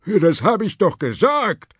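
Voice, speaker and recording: A genteel tired vampire, breathy, slow and formal, lively pitch, dry audio. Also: male voice, no room sound, full character voice. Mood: polite weary. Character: old-fashioned male vampire, weary and overly polite.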